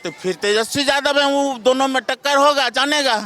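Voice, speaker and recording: A man's voice: very high-pitched, a little fast, sharp tone. A man, a member of the public in a street vox pop, who argues back and is combative. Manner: argumentative, combative.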